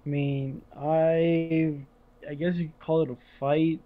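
A man with a somewhat high voice talks hesitantly in a casual podcast chat, filling gaps with ums. He is heard through a cheap headset mic that sounds muffled and underwater-like. The sound is thin and tinny, like a phone line. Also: flat delivery. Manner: hesitant, with many ums and pauses. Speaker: podcast co-host.

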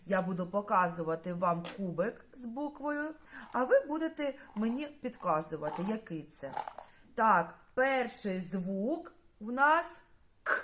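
A woman's voice: medium pitch, lively intonation, unhurried, fairly bright tone, slight background noise. A woman teaching a primary school lesson, speaking patiently and addressing the children directly.

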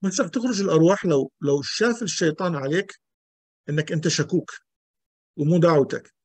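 A man's voice: fairly high pitch, expressive, fast talker, no echo. A male pastor, teaching an emphatic sermon full of rhetorical questions and repetition.

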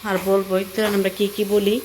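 A Bangladeshi woman vlogging casually as she cooks at home, explaining each step in a chatty way, her voice hoarse from a cold. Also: medium pitch, monotone, fast talker, background noise. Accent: Bangladeshi Bengali. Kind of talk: casual cooking vlog. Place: home kitchen.

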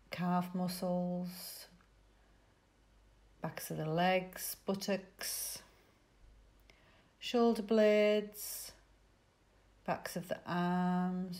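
Guiding a yoga nidra relaxation, a woman speaks slowly and calmly, leaving pauses after each phrase. She has a fairly low pitch and a darkish tone.

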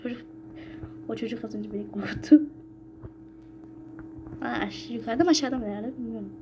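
A young woman commenting casually on her own gameplay, excitable, muttering and whispering to herself between sudden yells and shrieks when she is chased. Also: on the high side, brisk, slight background noise. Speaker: gaming channel host.

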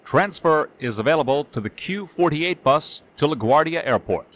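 A man's voice: fairly high pitch, animated, normal speed. A man giving formal transfer and last-stop announcements over a subway train intercom. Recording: lo-fi loudspeaker sound.

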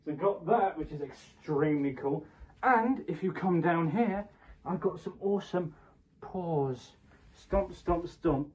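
A man rambling hesitantly with many fillers in a comedy skit and fursuit showcase, recorded on lo-fi audio. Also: on the high side. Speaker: fursuit video creator. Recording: lo-fi muffled recording.

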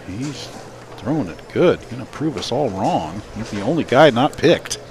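Over the sounds of a crowd and bowling lanes, a man calls live play-by-play at a bowling center and chats between shots. His mid-range voice has lively intonation and a normal speed, and the broadcast is live with the audience audible.

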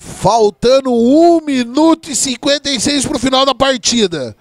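A man's voice: very high-pitched, animated, unhurried, creaky, no echo. A Brazilian man giving informal, chatty live commentary on an American football game.

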